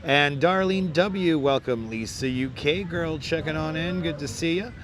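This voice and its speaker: A hoarse livestream host chats unhurriedly on a beach boardwalk, reeling off viewer names and greeting each again and again in a crackly, squeaky voice. The outdoor phone stream, recorded on a wireless clip-on mic, carries crowd noise, faint traffic, and city street sounds.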